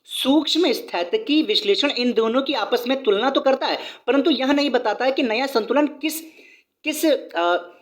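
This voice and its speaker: A man's voice: very high voice, lively intonation, normal speed. Man explaining in a conversational teaching tone. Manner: conversational, repeats points and asks rhetorical questions; reads from a book and then explains in his own words. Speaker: economics teacher. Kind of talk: explanatory video lesson.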